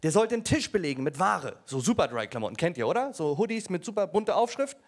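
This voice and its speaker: A man's voice: sits high, very animated, fast talker. A man doing a stand-up comedy set, telling stories in a brash, slangy way. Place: comedy stage. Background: audience laughter.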